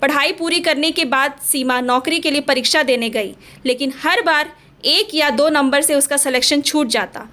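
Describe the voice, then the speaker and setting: A woman storyteller narrating a scripted family story in a steady, dramatic way. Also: high voice, moderate pace.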